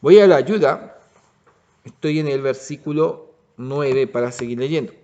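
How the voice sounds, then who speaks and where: A man teaching a Bible lesson as pastor, often pausing to check the congregation understands. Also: medium pitch, warm tone, dull audio. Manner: restarts and asks "¿ya?" to check understanding. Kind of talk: Bible study sermon.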